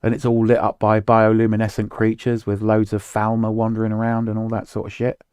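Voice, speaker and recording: A man's voice: lowish voice, completely flat delivery, a little fast, a little mellow, smooth, dry recording, clean studio sound. A man co-hosting a casual chat about video games, rambling and losing his words mid-sentence. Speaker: podcast co-host.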